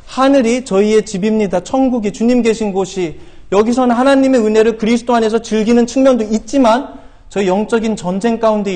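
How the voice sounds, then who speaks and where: Standing at the pulpit of a church sanctuary, a middle-aged male missionary gives a sermon with an unusually high voice for a man. Earnest exhortation, rhetorical questions, and frequent hesitant fillers fill his talk, and he bellows quoted scripture slowly.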